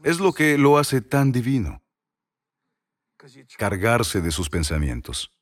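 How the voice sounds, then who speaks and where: Animated male preacher delivering a sermon. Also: medium pitch, slow pace, no room sound, studio quality. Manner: repetitive, emphatic preaching with rhetorical questions.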